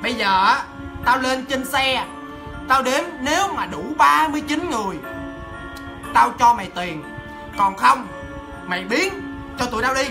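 A man voicing an angry middle-aged bus driver who scolds loudly, over music. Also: extremely high pitch, fast, vocal fry, hardly any pauses. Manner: shouting, scolding. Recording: music underneath.

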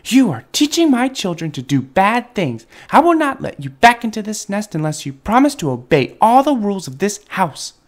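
A man voicing a stern, scolding mother bird in a shrill, loud and bossy voice. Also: very animated, moderate pace, few pauses.

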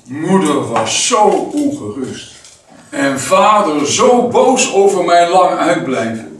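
A man tells a first-person memoir in a slow, deliberate storytelling voice that sits fairly high for a man. He is heard from some distance in a very echoey space. A faint hiss of noise runs underneath. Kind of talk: reading a memoir aloud.

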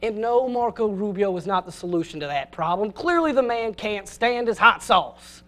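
A young man voicing a loud, blustering middle-aged football coach with a Southern accent in a comedy sketch. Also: high voice, lively intonation, normal speed. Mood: rousing. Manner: shouting pep-talk bluster.

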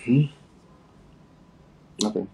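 A man's voice: drawn-out words, dark tone, poor audio. A man from Uganda hosting a casual, playful livestream chat on his phone, chatting and laughing often. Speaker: livestream host.

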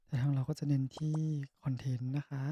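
A man's voice: medium pitch, level tone, fairly quick, mellow, slight background noise. A man streaming a game live, chatting casually and thinking aloud, often trailing off mid-sentence.

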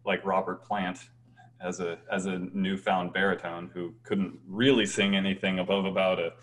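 On a video call from a small, bright room at home, a young adult choir bass singer talks as a guest, casual and animated, frequently restarting sentences and laughing. His voice is light yet low-pitched, with little pitch movement and a moderate pace.

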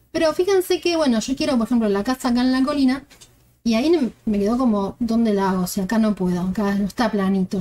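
A woman with a fairly high voice talks through a game tutorial. She explains each step calmly and thinks aloud while she works on screen.

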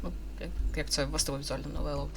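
Speaking very fast in a low, gravelly voice with little pitch movement, this woman in her twenties hosts gaming videos. She reads game dialogue aloud during casual let's-play commentary, rambling hesitantly and correcting herself often. Slight background noise is audible.

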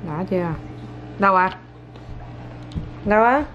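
A mother films a vlog indoors at home, chatting with her little one and her viewers in a playful, coaxing tone and laughing a lot. Her medium-pitched voice is fairly bright and a little slow, recorded on dull lo-fi home video with faint noise.

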